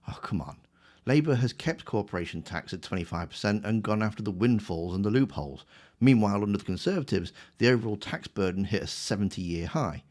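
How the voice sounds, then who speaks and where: A man's voice: on the low side, animated, brisk, darkish tone. A man delivering scripted political rebuttal commentary in a smug, sarcastic, mocking manner.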